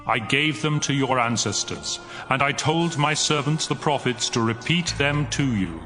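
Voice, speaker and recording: An actor playing a solemn, commanding God with measured authority in a dramatized audio Bible. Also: male voice, medium pitch, close to an everyday voice. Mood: stern, solemn. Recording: music under the voice.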